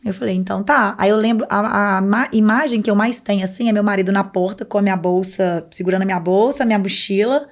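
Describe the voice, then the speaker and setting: A woman's voice: medium pitch, fast talker, few pauses. A woman, a podcast guest telling her story in a casual interview and acting out what others said. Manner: animated storyteller who acts out other people's words.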